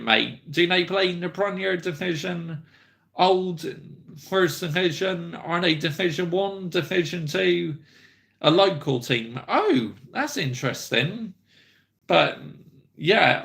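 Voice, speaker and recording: A man in his thirties hosting a football live stream, chatting casually with viewers in an upbeat way and giving repeated shout-outs. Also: a little high, vocal fry. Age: 30s.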